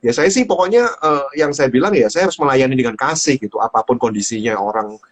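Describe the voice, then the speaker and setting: Male host, casual livestream chat, animated storyteller, filler-heavy. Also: mid-range voice, fast. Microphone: livestream phone.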